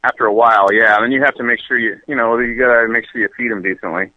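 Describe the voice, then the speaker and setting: A man's voice: mid-range voice, fairly even intonation, rapid-fire, bright, forceful tone. Man chatting over a thin phone line. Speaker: podcast guest on a call. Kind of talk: casual profane chat.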